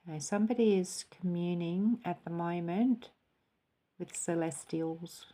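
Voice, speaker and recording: Her pitch is fairly low and her pace a little slow as she gives a spiritual reading with tarot and cups. She speaks softly and reflectively, at times dropping to a quiet, calm voice.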